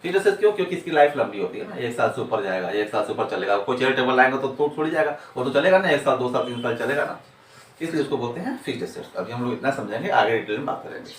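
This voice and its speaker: A man's voice: mid-range voice, animated, very fast. A man teaching accounting in a classroom lecture, repeating points and answering his own rhetorical questions. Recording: echoey room, distant mic, faint noise.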